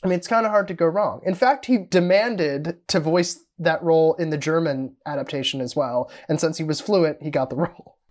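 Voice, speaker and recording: A woman's voice: low voice, brisk, a little mellow. Analytical woman on a film podcast.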